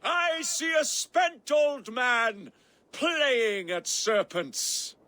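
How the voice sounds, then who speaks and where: A man's voice: very high voice, big pitch swings, drawn-out words, pushed and bright, full character voice. An actor playing a defiant war leader in a video game, declaiming with scorn at his enemies. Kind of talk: video game drama acting.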